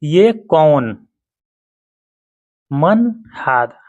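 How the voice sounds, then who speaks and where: Male language teacher, slow drilling delivery, dry close mic. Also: on the high side, sing-song, darkish tone, no room sound, dull audio. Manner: repeats each word slowly, Hindi then Arabic. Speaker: Arabic teacher. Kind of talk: vocabulary lesson.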